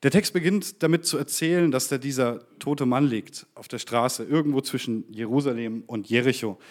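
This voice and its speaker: A man preaching a sermon, addressing his congregation with rhetorical questions and reading the scripture passage in a slower, lower voice.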